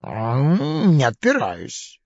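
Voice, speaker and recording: A man's voice: mid-range voice, wildly swooping pitch, very slow, darkish tone, no room sound, heavily acted. An actor playing a smug, greedy male crocodile in a children's audio play, sly and chuckling. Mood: smug teasing. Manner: sly, chuckling, lazy drawl. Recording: slightly dull recording.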